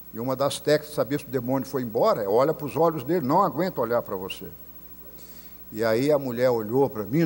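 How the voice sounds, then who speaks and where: Preaching a sermon with a Brazilian Portuguese accent, a messianic rabbi tells stories and performs the voices of those he quotes. His voice sits at medium pitch with a darkish tone, and the recording carries a long hall reverb.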